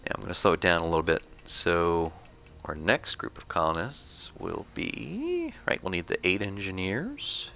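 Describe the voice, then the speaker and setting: A man giving relaxed, explanatory commentary on his own gameplay, thinking aloud as he plays. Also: sits low, moderate pace, creaky, hardly any pauses.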